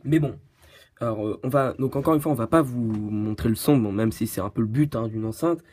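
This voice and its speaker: A tech review channel host hosts a casual product review in a medium-pitched, slightly fast voice with a darkish, breathy tone. He sounds hesitant, stumbling through fillers and restarts while giggling and poking fun at himself.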